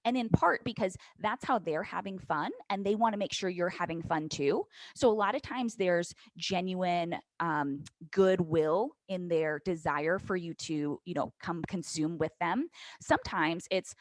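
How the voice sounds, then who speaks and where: A woman's voice: fairly low pitch, measured pace, no room sound, rough recording. A woman fitness coach, a podcast guest, explaining habits in an earnest coaching manner. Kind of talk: podcast interview.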